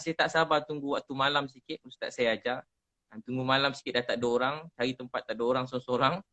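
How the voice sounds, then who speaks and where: A man speaking Malay with a Malaysian accent, a preacher giving earnest religious advice in conversation, repeating prayer lines slowly and softly. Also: mid-range voice, no room sound, low-quality recording.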